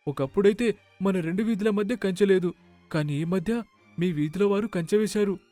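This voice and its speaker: A man's voice: high voice, normal speed, dark tone, soft background music, voice pushed up, natural voice. A man voicing a timid little village boy who is afraid of being chased off, in a cartoon story. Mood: fearful. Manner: fearful, pleading.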